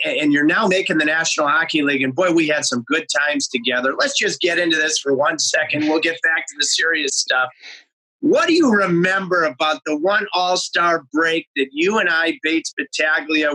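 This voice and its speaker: A man's voice: fairly high pitch, sharp tone, low-quality recording. A man in his forties hosting a podcast, asking long rambling questions with frequent restarts. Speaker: podcast host, former color analyst. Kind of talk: conversational interview questions.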